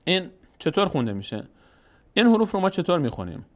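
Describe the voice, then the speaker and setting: Man teaching Quran reading slowly. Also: high voice, big pitch swings. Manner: explains patiently, asks questions and answers them himself; draws out sounds slowly when demonstrating. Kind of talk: step-by-step recorded lesson.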